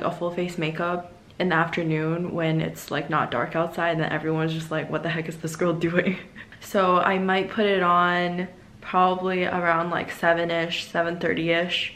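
A woman's voice: lowish voice, fairly bright tone, roomy sound. A young woman in her twenties chatting casually to camera in an upbeat vlog, laughing often. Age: 20s. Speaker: vlogger. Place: small indoor room.

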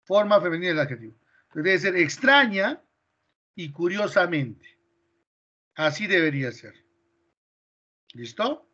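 A man's voice: high voice, big pitch swings, measured pace, pauses often, bright, forceful tone, lo-fi sound. A male teacher with a Peruvian Spanish accent explaining grammar in class, quizzing his students with questions step by step.

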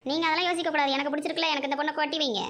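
Brief: a woman playing a spoiled, whiny young groom, high and fast, in a comedy skit. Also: fairly even intonation, a bit bright. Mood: whiny demanding. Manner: whiny, demanding. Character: childish, pushy young man set on marrying.

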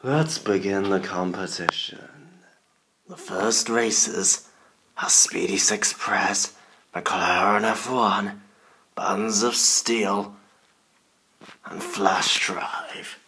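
A man's voice: on the low side, very slow, pushed and bright, slight background noise. A man commentating a toy car race in a put-on scary Halloween voice, calling out bursts at each start.

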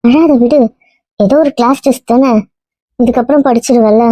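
A woman's voice: fairly high pitch, normal speed, warm tone, dry recording, close to an everyday voice. A young woman playing a caring student friend who comforts a classmate, in a web series drama. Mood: soothing. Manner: soothing, coaxing. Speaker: actor.

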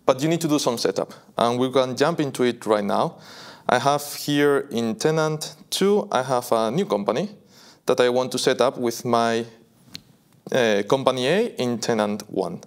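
A medium-pitched young man walks viewers through a live software demo, presenting the product from an indoor video studio.

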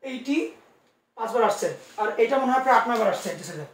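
A man teaches physics in an online class, talking fast and reassuring his students as he coaxes answers out of them. His voice is high and gravelly. He sits a little back from the mic in an echoey room. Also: animated, far from the mic. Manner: quick, coaxing, reassuring tutoring with many asides.

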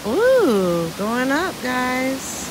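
A woman's voice: sits high, wildly swooping pitch, background noise. A woman chatting casually as she films a walking tour of a forest trail, pointing out the sights and exclaiming at the scenery, recorded on a handheld phone. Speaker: travel vlogger. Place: forest trail by a waterfall, outdoors. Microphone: handheld phone camera. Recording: loud rushing water over the voice.

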